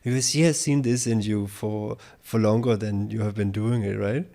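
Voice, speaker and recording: Low gravelly-voiced male interviewer. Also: steady tone, normal speed, dark tone. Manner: probing, searching for words with many fillers. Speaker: podcast host and interviewer. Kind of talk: therapy-style interview.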